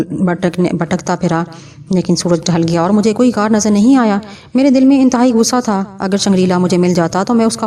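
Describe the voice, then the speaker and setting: Woman reading a horror story, mellow and kinda far from the mic, steady pace. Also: medium pitch. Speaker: audiobook narrator. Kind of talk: scripted horror novel narration.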